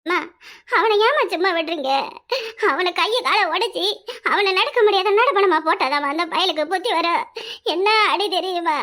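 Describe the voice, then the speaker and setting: A woman's voice: very high voice, normal speed, a bit bright. A woman voicing a young married village daughter with a Kanyakumari Tamil accent, weepy and melodramatic, for a cartoon. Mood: wailing. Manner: wailing, melodramatic laments. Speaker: daughter in a family quarrel.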